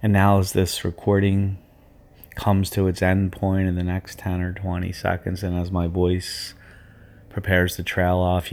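A middle-aged man leading a guided hypnotic visualization for athletes, speaking in hushed, soothing, repetitive phrases. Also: deep voice, vocal fry.

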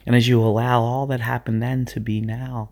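A middle-aged man leads athletes through a guided hypnotic visualization, using hushed, soothing, repetitive phrases. His medium-pitched voice is delivered flatly at normal speed.

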